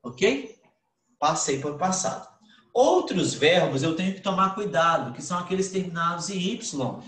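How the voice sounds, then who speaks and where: A man's voice: a little high, animated, moderate pace, a bit bright. A man, an English teacher, explaining grammar in an online class, asking questions and answering them himself. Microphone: computer mic on video call. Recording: roomy video call audio.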